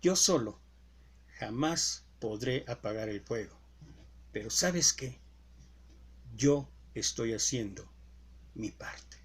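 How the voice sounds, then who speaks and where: A male preacher voicing a calm, steady little male hummingbird in a spoken fable. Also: medium pitch, slow, long pauses, husky, pitched below the performer's own voice.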